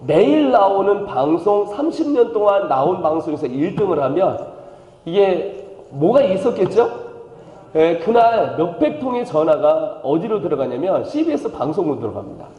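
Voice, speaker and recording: A man's voice: high voice, sing-song, moderate pace, mellow, echoey room, in a large hall, muffled recording. A man with a Chungcheong accent preaching a playful revival sermon, calling for amens and slipping into dialect impressions. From Chungcheong, South Korea. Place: church sanctuary.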